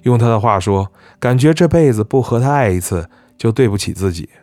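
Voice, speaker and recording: A man narrating a story in a calm, conversational reading voice. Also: medium pitch, fairly quick, no room sound.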